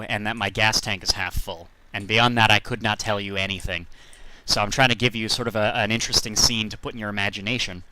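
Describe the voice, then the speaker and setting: Male streamer, lowish pitch, sharp bright tone, rambling jokey commentary. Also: clear, resonant tone. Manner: rambling, jokey, self-deprecating. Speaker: game streamer. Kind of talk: casual gameplay commentary.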